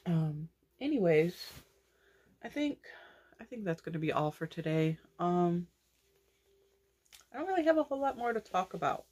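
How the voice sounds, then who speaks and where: A young woman with a low-pitched voice talks casually to her viewers about her crochet makes. She rambles and restarts her sentences often, in an easygoing home-vlog manner. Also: big pitch swings, normal speed, pauses often, darkish tone. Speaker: crochet vlogger. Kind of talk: casual chat.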